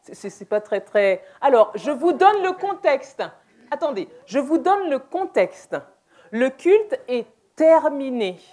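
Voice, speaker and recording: Brief: woman, higher voice, unhurried church workshop presenter, playful, laughs often, restarts her phrases. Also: sing-song, a little mellow. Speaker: deaf ministry presenter. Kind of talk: interactive church workshop talk. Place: church hall, indoors.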